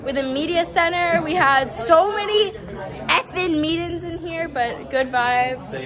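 A young woman with a high voice, talking slowly. She banters and jokes while touring her school for a vlog. It is captured on a phone with people chattering around her. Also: crowd noise. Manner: jokey, laughing asides. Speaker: graduating senior on a school tour. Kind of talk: casual vlog chat. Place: school campus, partly outdoors.

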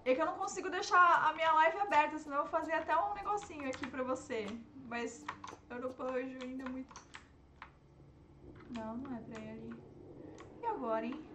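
A young woman, streaming herself playing a game and reacting with excitable, panicky outbursts. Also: high-pitched, brisk, long pauses, slight background noise. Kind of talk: live gameplay commentary.

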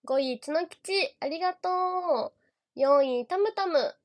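A woman's voice: sits high, a little slow. A young woman with a Kansai accent hosting a casual livestream, chatting in a bubbly, giggly way and thanking viewers by name. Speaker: idol livestream host. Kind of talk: casual livestream chat reading viewer gifts.

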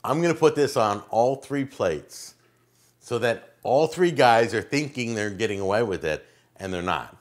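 A man's voice: medium pitch, expressive, measured pace, a little hiss or hum. A middle-aged man casually hosting a food challenge in a home kitchen, talking to the camera and guests. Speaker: host and cook of a hot wing challenge.

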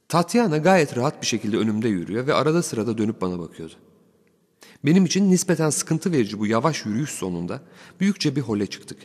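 Male narrator for a first-person audiobook, wry and animated, long hall reverb. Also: medium pitch.

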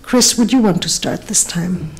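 A woman's voice: mid-range voice, normal speed, gravelly, husky, soft background music. A woman moderating a panel discussion, directing questions to the speakers in an organized way.

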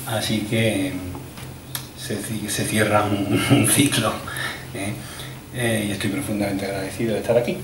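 A man's voice: fairly low pitch, little pitch movement, unhurried, noisy background. A man from Córdoba, giving a museum lecture in an informal, emphatic way with asides and restarts. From Córdoba, Spain. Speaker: guest lecturer. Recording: echoey room, voice picked up from a distance.

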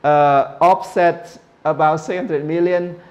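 A man's voice: a little high, fairly even intonation, slow, a little mellow. A middle-aged man from Cambodia giving an informal classroom lecture into a handheld mic, often restarting and correcting himself and putting questions to the audience. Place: lecture room with projector screen.

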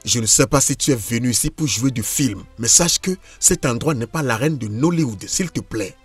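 A man's voice: mid-range voice, animated, normal speed, breathy edge, soft background music. A man voicing a cold, dismissive husband in a French film dub, talking curtly and firmly. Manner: curt, firm. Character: cold, dismissive husband rejecting his ex-wife.

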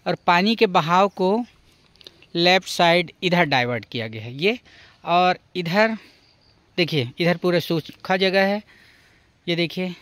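A man's voice: sits high, lively intonation, takes it slowly, pauses often, a bit bright, no room sound. A young man narrating a vlog outdoors at a forest stream, explaining step by step what he shows the viewer. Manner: explanatory, points things out to the viewer. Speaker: vlogger.

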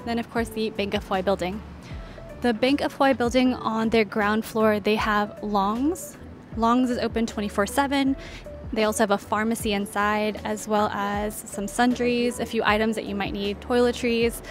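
Music plays in the background while a woman narrates a walking tour for her travel vlog, speaking at normal speed in a fairly high voice with fairly even intonation. As a travel guide and host, she is casual and informative, pointing things out in an orderly fashion.

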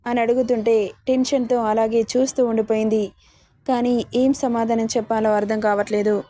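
A woman's voice: on the high side, little pitch movement, brisk, dark tone, no room sound. A woman narrating a dramatic story and reading all the characters' lines in her own voice.

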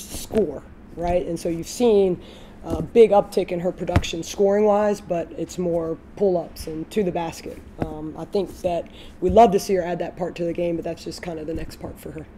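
A woman in her thirties, a head coach giving a candid postgame interview, speaking in a measured way with frequent fillers. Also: fairly low pitch, dark tone, slight background noise. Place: studio backdrop, indoors.

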